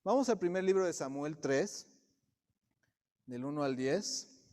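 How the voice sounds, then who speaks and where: Guy preaching in church, kinda high voice but warm, big echo from the hall. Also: lively intonation, unhurried. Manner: asks the congregation direct questions. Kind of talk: sermon. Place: church sanctuary. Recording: long reverb of a church hall.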